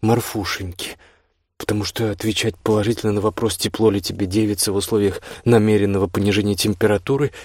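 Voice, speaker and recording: A man's voice: fairly low pitch, level tone, fast, darkish tone, no room sound. Man reading an audiobook, dry close sound. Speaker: audiobook narrator. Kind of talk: audiobook narration.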